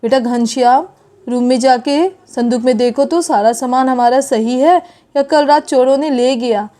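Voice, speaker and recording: A woman doing a loud old father. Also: sits high, moderate pace, close to an everyday voice. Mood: commanding. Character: older father-in-law, head of the family. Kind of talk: doll story voice acting.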